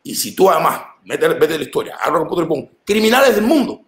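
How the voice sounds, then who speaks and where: Fast-talking Cuban man, animated and emphatic. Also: roomy sound. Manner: animated and emphatic, with big swings in pitch. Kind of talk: casual conversation.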